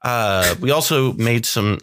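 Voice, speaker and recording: A young man hosting a podcast in a relaxed, chatty way, full of fillers and laughs. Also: medium pitch, takes it slowly, no room sound, clean studio sound. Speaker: podcast host. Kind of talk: casual podcast chat.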